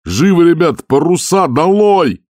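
A man voicing a panicky, superstitious ship skipper who yells in alarm. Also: on the high side, big pitch swings, a little slow, no room sound, clean studio sound, pitched above the performer's own voice. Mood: panicked. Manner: frantic yelling.

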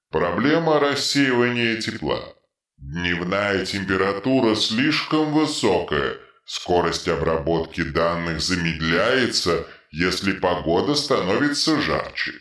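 A man voicing a huge troll who has suddenly become clever, speaking in slow, measured, pedantic phrases. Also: low voice, fairly bright tone, reverberant, full character voice. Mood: lecturing. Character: huge male troll, suddenly brainy and precise.

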